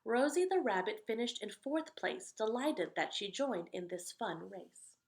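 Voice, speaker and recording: With a voice on the high side and a measured pace, a woman leads a read-aloud of children's picture books. She lends the rhymes expressive emphasis and talks casually between readings.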